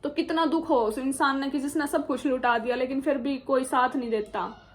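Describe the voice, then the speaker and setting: A woman's voice: high-pitched, steady tone, moderate pace. A young woman with a Haryanvi accent telling her personal story and earnestly appealing to viewers in a vlog monologue. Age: young adult. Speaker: vlogger.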